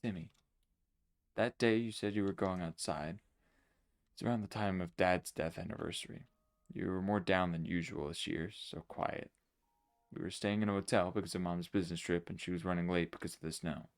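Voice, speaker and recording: A man voicing a protective older sister who is a reaper, speaking quietly and somberly in a game. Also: low voice, fairly even intonation, fairly quick. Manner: quiet, somber, subdued reading. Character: protective teenage girl reaper, guarded.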